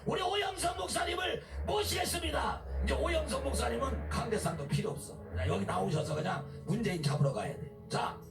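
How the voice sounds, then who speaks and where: Gravelly male emcee shouting at a rally. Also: very high voice, lively intonation, fairly quick, hardly any pauses. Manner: shouting, urging applause. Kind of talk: introducing a speaker. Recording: echoey loudspeaker sound from far off, music behind.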